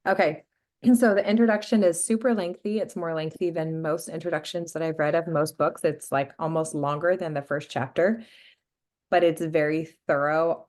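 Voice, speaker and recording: A young woman with a sickly lowered voice, hosting a casual book club chat with lots of filler words. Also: a little mellow. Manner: chatty, many "like" fillers. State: sick, voice lowered.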